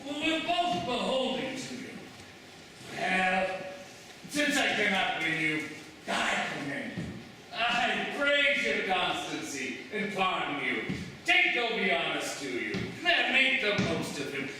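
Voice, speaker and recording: A man's voice: high voice, big pitch swings, slow pace, bright, forceful tone, full character voice. An actor playing a pompous, scheming courtier father in classical verse drama, with a theatrical, declamatory delivery. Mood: measured coaxing. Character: pompous scheming father, a fawning courtier pressing his daughter. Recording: echoey hall, distant mic, faint noise.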